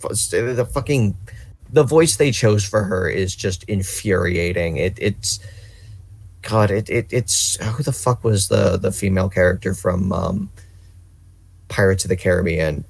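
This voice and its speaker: A man's voice: sits low, measured pace, gravelly, husky, no room sound. A man co-hosting a casual podcast, ranting and rambling with lots of swearing. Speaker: podcast co-host.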